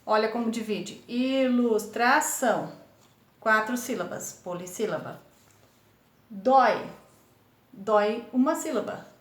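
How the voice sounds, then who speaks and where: A woman's voice: a little high, unhurried, long pauses. A woman teaching young children remotely, with a São Paulo accent, sounding out words syllable by syllable in a patient, encouraging way. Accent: Brazilian Portuguese, São Paulo state. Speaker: primary school teacher. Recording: echoey room.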